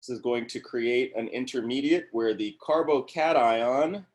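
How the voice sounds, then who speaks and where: A man's voice: medium pitch, unhurried, darkish tone. A man lecturing a class on organic chemistry in an upbeat review, often checking in with the class.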